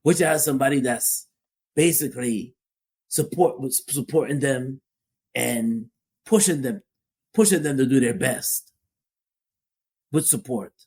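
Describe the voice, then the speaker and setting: This man, whose family is from Guyana, shares casual opinions about relationships as a podcast co-host, leaning on repeated phrases for emphasis. His mid-range voice is a little slow and darkish, with frequent pauses and a breathy edge.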